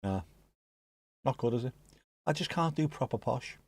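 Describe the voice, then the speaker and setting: With lively intonation and a mid-range voice at normal speed, a Scouse man hosts a livestream in a dry recording. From the Liverpool area of England, he chats casually with viewers, reacting to the live chat and now and then joking or swearing.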